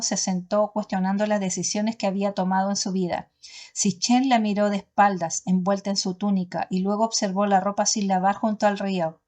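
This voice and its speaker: A woman narrates a novel chapter by chapter for an audiobook channel. She reads at a steady pace with a medium-pitched voice. She often breaks off mid-word and restarts to correct herself. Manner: steady reading with frequent self-corrections. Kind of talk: reading a novel aloud.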